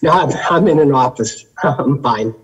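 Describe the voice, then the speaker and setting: A man in an office with a hollow cave-like echo on his audio, speaking haltingly as an attorney in a remote meeting. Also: medium pitch, a bit bright, highs cut off. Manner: halting, repeats words as he starts. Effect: hollow cave-like echo on his call audio. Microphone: remote call audio, distant from the mic.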